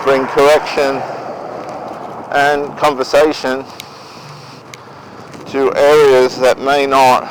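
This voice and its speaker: An Australian man giving an unscripted talk to viewers in a deliberate, halting way. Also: mid-range voice, level tone, low-quality recording. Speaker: vlogger giving relationship advice. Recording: outdoor noise behind the voice.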